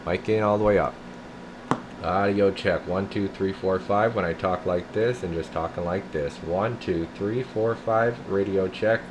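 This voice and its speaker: Speaking low and at a measured pace, a male radio technician casually demonstrates a freshly tuned CB radio, musing aloud as his hands stay busy with the repair. An air conditioner hums steadily behind the otherwise clear recording.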